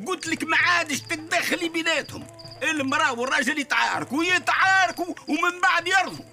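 An exasperated scolding husband. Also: male voice, extremely high pitch, quick pace, full character voice. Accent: southern Tunisian Arabic. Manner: scolding, exasperated, shouting at times. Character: exasperated husband scolding his meddling wife. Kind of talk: radio drama acting.

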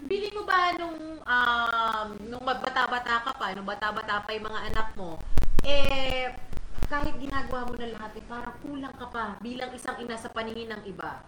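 A woman's voice: a little high, moderate pace. A woman hosting a casual live stream chat, bubbly and reading viewer comments aloud. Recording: roomy and noisy.

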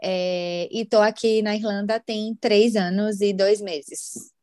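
A talkative woman talks as a podcast guest. Her voice sits at a middle pitch, and the sound is dry and close. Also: fairly even intonation, slow pace, warm tone, no echo. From Brazil. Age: 20s. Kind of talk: casual interview chat.

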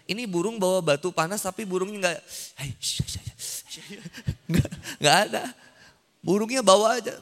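A man giving a casual, humorous sermon to young people, teasing the audience with playful questions. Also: mid-range voice. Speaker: preacher. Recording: long hall reverb.

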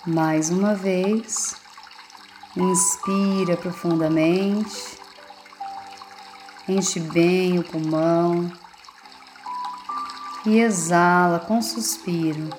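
A woman with a Brazilian accent guides a meditation in a soothing, unhurried manner, leaving lingering pauses between short phrases. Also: on the low side, fairly even intonation, background noise.

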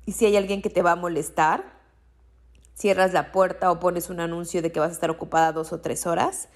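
A woman's voice: on the low side, little pitch movement, a little fast. A woman with a Mexican accent, a coach for women entrepreneurs, giving motivational podcast talk in an encouraging way and repeating her key phrases.

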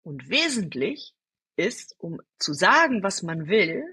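Bright, husky woman telling stories. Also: lowish voice, slow pace. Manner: lively, answers her own rhetorical questions; addresses the listener directly. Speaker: storytelling guest. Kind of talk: conversational podcast interview.

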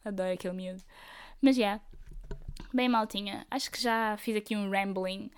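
A woman's voice: mid-range voice, fairly even intonation, normal speed, smooth. A young woman with a European Portuguese accent chatting casually as a solo podcast host, rambling through stories in slangy speech with English words mixed in.

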